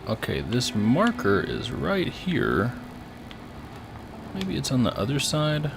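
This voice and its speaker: A man's voice: medium pitch, wildly swooping pitch, slow, gravelly, background noise. A man giving casual let's play commentary, musing to himself as he plays.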